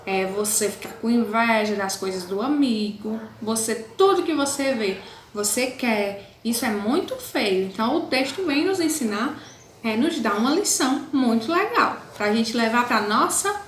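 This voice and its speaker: A woman's voice: a little high, lively intonation. A woman teacher with a Brazilian Portuguese accent, patiently explaining a lesson to young pupils in a recorded online class. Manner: patient, explains slowly, calls pupils "my loves". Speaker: primary school teacher. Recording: echoey room, faint background noise.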